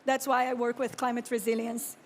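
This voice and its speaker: Speaking English with a Brazilian Portuguese accent, a Brazilian architect and urban planner in her thirties gives a slow, reflective talk on a conference stage. Her voice is on the high side with little pitch movement, she often clears her throat, and there's slight background noise.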